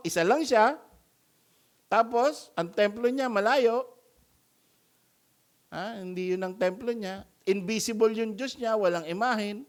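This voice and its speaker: A man with a Filipino accent preaching a sermon in a conversational style, often adding tag questions and raising his voice when he acts out scenes. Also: high-pitched. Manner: animated, rising loud when acting out mockery. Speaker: pastor.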